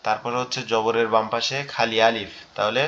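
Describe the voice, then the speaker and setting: A man leads an online Quran reading class, speaking with a bright, forceful tone. He drills letters and vowels in an even, unhurried voice, and the call audio sounds dull and lo-fi. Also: mid-range voice. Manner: slow, drawn-out Arabic prayer recitation, then steady letter-by-letter drilling. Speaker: Quran teacher.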